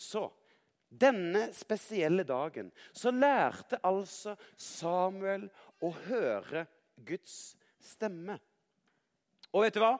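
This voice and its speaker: A man's voice: high voice, sing-song, in a large hall. A man telling a Bible story to children in a dramatic, playful way, speaking directly to a young listener.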